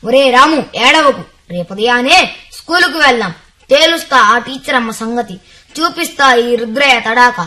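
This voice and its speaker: A hot-tempered rowdy father who blusters and shouts threats, with a woman acting him out in a radio play. The voice sits high and bright, with a sharp edge, and the room rings with echo. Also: expressive, moderate pace. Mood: indignant.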